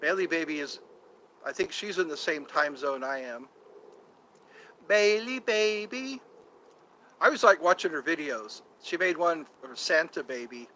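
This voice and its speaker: This rough recording, carrying a faint hiss or hum, captures a fifty-something American man rambling through casual livestream chat with viewers. His voice is slightly high, bright, and forceful, swinging widely in pitch as he wanders between topics and often mimics others in quick put-on voices.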